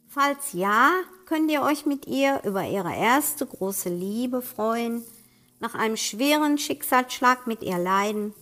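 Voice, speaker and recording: A woman author reading her own novel aloud in a measured, even way. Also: fairly high pitch. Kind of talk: audiobook reading.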